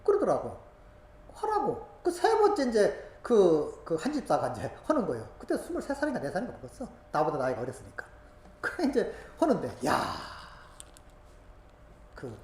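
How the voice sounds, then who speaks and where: A woman preaches and tells her own story, dropping to quiet asides and then rising to fervent exclamations. Her pitch leaps and swoops. The sound is roomy and echoing, with a faint hiss behind her. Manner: emotional storytelling that swings from hushed asides to loud exclamations. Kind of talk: sermon with personal testimony. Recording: roomy echo, faint background noise.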